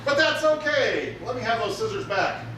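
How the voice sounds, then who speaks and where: Heard from a distance in a noisy, echoing theater, this male magician plays to the audience and pokes fun at a volunteer with joking showman patter. His voice is very high-pitched and lively, at a normal speed.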